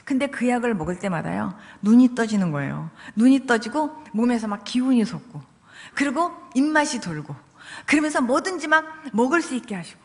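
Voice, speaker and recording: A woman pastor delivers a testimony sermon in a fairly high voice that swings widely in pitch. She tells her story with energy and acts out the voices of herself and her family. Her voice carries a long reverb from a large church hall.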